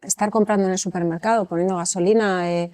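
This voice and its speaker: A woman's voice: mid-range voice, steady tone, fast talker, a little mellow, no echo, clean studio sound. A woman hosting an interview, asking long questions with frequent hesitations. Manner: hesitant, many fillers, builds long questions. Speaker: interview host.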